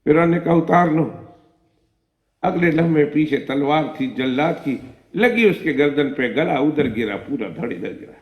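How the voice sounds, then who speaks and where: Male preacher, dramatic sermon storytelling, repetitive emphasis, high lively voice, echoey mosque hall. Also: dull audio.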